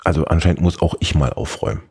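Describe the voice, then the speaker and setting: A man with a very deep, mellow voice talks through tech tips in a relaxed podcast chat. He hesitates often, filling gaps with ums as he explains step by step. His tone has a husky edge. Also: very fast. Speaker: podcast co-host.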